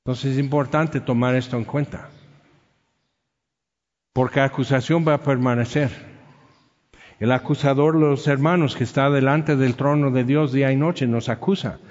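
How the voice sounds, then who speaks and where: A man's voice: mid-range voice, steady tone, normal speed, long pauses, a little mellow, big-room sound, lo-fi sound. A man preaching a sermon, telling stories and acting out the quotes in them. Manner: storytelling with acted-out quotes. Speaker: pastor.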